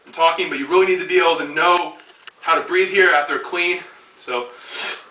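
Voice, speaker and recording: A man's voice: fairly high pitch, steady tone, fast, very noisy. A twenty-year-old man, a strongman athlete and coach, giving a casual spoken lifting demonstration in a gym, talking between lifts with frequent fillers. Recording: echoey room, voice far from mic.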